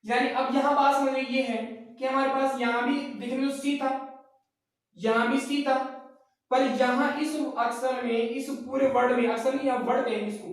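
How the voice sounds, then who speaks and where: A man's voice: very high-pitched, little pitch movement, moderate pace. A man teaching a class who asks his own questions, answers them, and repeats each key point. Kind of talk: classroom lecture. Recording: very echoey room, mic far off.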